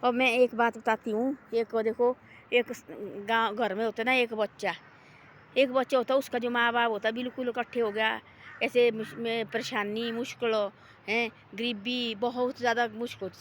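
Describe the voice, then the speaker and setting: A woman talking casually outdoors in a forest, homely and repetitive, gently moralizing. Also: on the high side, slight background noise. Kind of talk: casual rambling talk.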